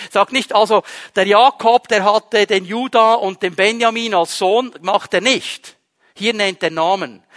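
A man's voice: high voice, bright, forceful tone. A male preacher giving a sermon. He speaks with emphasis and keeps checking in with the congregation with "okay?". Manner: addresses the congregation directly. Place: church with a gallery.

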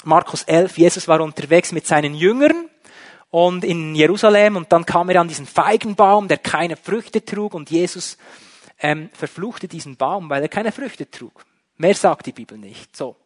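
A man preaching a sermon, emphatic, shifting between loud and soft. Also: a little high, lively intonation, moderate pace. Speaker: pastor.

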